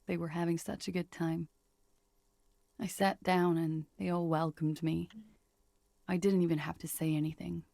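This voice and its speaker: An actress voicing a frightened, guarded young woman who speaks in a measured, weary confessional manner in a video game. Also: lowish voice, level tone, creaky, dark tone, no echo.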